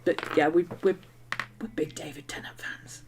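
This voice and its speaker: She has a low voice with fairly even intonation and a moderate pace, recorded against a noisy background with faint music. A middle-aged journaling streamer from England's West Country, her accent mixing West Country and Manchester, she chats casually while crafting, bubbly and full of ums and laughs.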